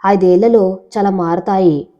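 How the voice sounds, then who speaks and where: A woman voicing a steady young village woman in a storybook, speaking calmly and firmly. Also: medium pitch, unhurried, highs cut off, natural voice. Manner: steady, cool, firm. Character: steady village woman in her twenties, calm and firm.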